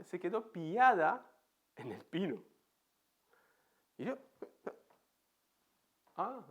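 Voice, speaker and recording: A high-pitched man with an accent from Spain preaches in an empty church. He leans into his story with a voice that leaps up and down. He is a vivid, animated storyteller. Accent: Spain Spanish. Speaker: pastor. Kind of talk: sermon with personal storytelling.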